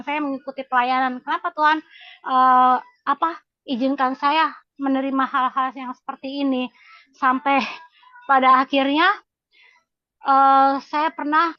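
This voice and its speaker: Woman, middle-aged, high voice, earnest testimony, halting, dull video-call audio. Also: no room sound. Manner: emotional, earnest, halting with many fillers. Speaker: congregation member sharing testimony. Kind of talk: casual spoken testimony.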